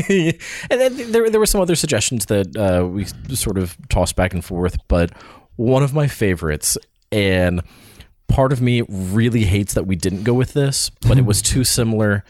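Animated low-voiced male podcast host. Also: moderate pace, no room sound. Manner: rambling, full of filler words and restarts. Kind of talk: casual podcast chat.

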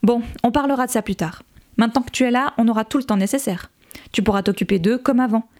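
A woman's voice: a little high, quick pace, darkish tone, natural voice. A woman reading the lines of a coarse, menacing middle-aged father who speaks with blunt contempt and false friendliness. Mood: cold.

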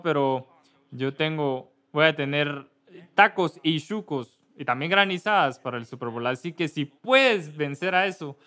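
A man from Kentucky, a pastor giving casual church announcements, halting and correcting himself often. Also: on the high side, pushed and bright. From Kentucky, USA. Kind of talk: church announcements before a service.

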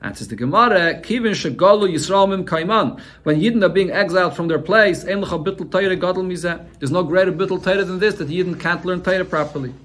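A man's voice: high voice, fast, few pauses, fairly bright tone. Man teaching a Talmud lesson. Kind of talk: Talmud shiur, translating and explaining.

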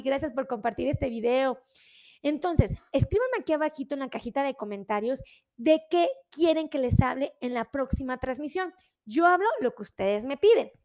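A woman doctor giving a casual live-stream health talk, animated and pleading, and repeating her requests many times. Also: high-pitched.

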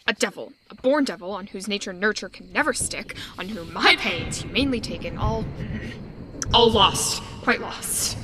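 A woman playing a commanding, weary old male sorcerer in a stage production, measured and declamatory. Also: mid-range voice, expressive, a crowd in the background, natural voice. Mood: bitter. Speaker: actor playing Prospero. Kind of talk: stage acting.

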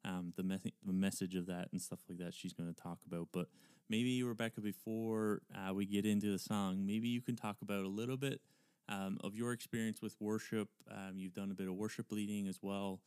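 A man's voice: on the low side, steady tone, brisk, darkish tone, smooth, no echo, clean studio sound. A man hosting a podcast in a casual, conversational and effusive way. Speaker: podcast host.

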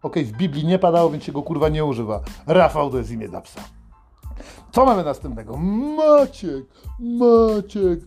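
A man hosting a comedic rant monologue, swearing constantly and mockingly yelling out names. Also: fairly high pitch, fast, vocal fry, hardly any pauses, husky, soft background music. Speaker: host.

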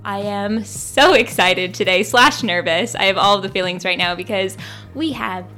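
Enthusiastic young female podcast host, mid-pitched, faint music under her. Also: normal speed, pushed and bright. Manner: gushing, enthusiastic. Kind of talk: casual podcast conversation.

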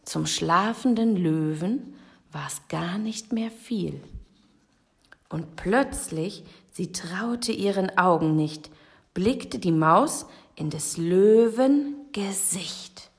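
A young woman reading a rhyming children's book aloud, gentle and expressive, sometimes dropping to a whisper. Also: on the low side, creaky, breathy edge. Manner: slow, gentle and expressive, with soft whispered passages. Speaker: storybook reader.

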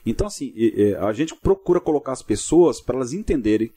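A pastor guest on a podcast talks quickly and tells his stories in a husky, mellow voice. He acts out the lines of the people in his stories as he goes. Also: medium pitch, big pitch swings. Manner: fast, vivid storyteller acting out dialogue. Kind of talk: casual storytelling interview.

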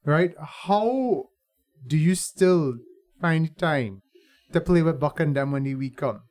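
A man's voice: fairly high pitch, animated, slow pace, darkish tone. Joking man hosting a casual chat. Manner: joking, teasing, laughs often. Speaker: podcast host.

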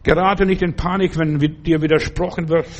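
An older man preaching a sermon, repeating his exhortations earnestly and dropping at times to a soft, slow, reassuring tone. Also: on the high side, fairly even intonation.

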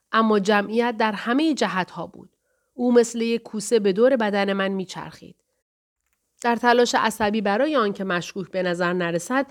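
Female audiobook narrator, steady and measured delivery. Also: mid-range voice.

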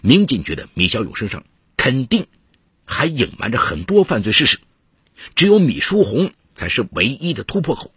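Male narrator for a crime story: breathy rasp, animated delivery, dry booth sound. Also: medium pitch, no echo. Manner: measured storytelling with dramatic emphasis. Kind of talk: scripted true-crime narration. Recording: dry close studio voice-over.

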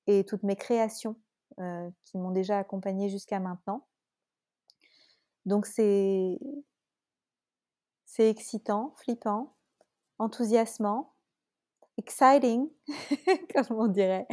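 A woman's voice: medium pitch, mellow, no room sound, clean studio sound. A woman with a French accent hosting her own podcast, talking casually and reflectively, with many hesitations and restarts. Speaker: podcast host and coach. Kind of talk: casual solo podcast talk.

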